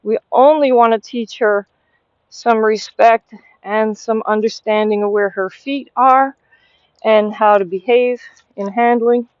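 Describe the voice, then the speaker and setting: A woman's voice: fairly high pitch, fairly even intonation, a little slow, no echo, lo-fi sound. A woman giving hands-on horse training instruction, explaining as she goes and breaking off for short commands and praise to the animal. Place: horse barn aisle, later an outdoor riding ring.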